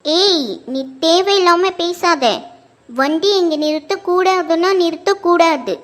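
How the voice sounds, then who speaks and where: A woman's voice: very high-pitched, a little slow. A woman voicing a bossy, quarrelsome old woman neighbour who scolds and threatens. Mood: angry scolding.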